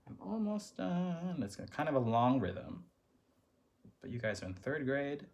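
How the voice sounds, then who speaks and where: A man's voice: mid-range voice, very animated, unhurried, darkish tone. A man teaching third graders a music lesson, chanting rhythm syllables and encouraging the children.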